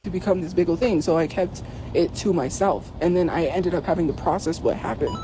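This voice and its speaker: A man's voice: fairly high pitch, fairly quick, dark tone, slight background noise, poor audio. A man telling an emotional personal story in a rambling, filler-heavy way, recorded outside.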